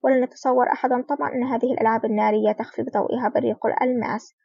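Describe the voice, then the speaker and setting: A woman voicing a cool male undercover agent who speaks calmly and slyly. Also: fairly high pitch, very fast, creaky, slightly rough, no echo. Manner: calm, smiling, sly. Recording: dull lo-fi recording.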